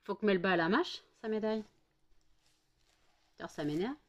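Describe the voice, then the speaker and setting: A woman's voice: medium pitch, lively intonation, normal speed, lo-fi sound. Tired french lady vlogging at home, baby-talking her dogs, mid voice. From France. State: exhausted after one hour of sleep. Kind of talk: casual home vlog.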